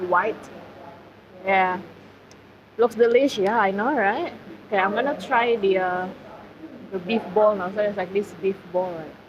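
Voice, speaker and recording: A woman live-streaming while eating at a food centre, chatting casually with her viewers and using lots of fillers. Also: medium pitch. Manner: chatty, filler-heavy, talks to chat. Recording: slightly dull audio, faint background noise.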